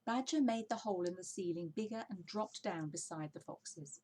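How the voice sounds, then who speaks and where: A woman narrating a children's book aloud in an expressive storytelling style. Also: lowish voice, normal speed, a little hiss or hum. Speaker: storybook reader.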